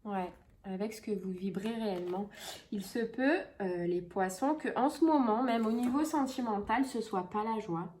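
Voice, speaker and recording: A woman's voice: mid-range voice, normal speed, a little mellow, slight background noise. A woman giving a casual tarot reading, chatty and full of fillers and repeated phrases. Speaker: tarot reader.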